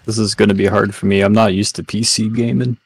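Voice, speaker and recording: A man with a low, gravelly and husky voice talks casually with friends during a game. He jokes around, laughs often and swears freely. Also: little pitch movement, fast talker. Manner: easygoing, laughs a lot, swears. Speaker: gaming friend. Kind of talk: casual gaming chat.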